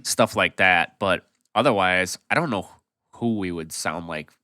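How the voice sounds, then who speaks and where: A man's voice: deep voice, unhurried, pushed and bright, dry recording, studio quality. A man co-hosting a podcast, talking in an easygoing, chuckling way with lots of fillers. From Wisconsin. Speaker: podcast co-host, band songwriter. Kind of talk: casual chat.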